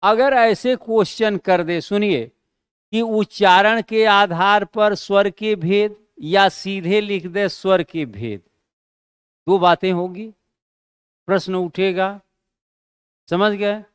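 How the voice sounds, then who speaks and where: A man teaching a classroom lesson, asking rhetorical questions and answering them himself, slowing down to stress key terms. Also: high-pitched, clear, resonant tone, no echo, clean studio sound.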